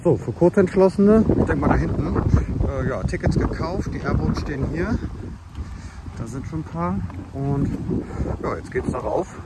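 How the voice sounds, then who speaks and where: A man's voice: fairly high pitch, animated, normal speed. A young man chatting casually and upbeat as a travel vlogger, talking to a handheld camera outdoors. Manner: chatty and upbeat, filler-heavy. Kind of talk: casual travel vlog narration. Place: outdoors in streets, beaches and car. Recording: loud outdoor street noise.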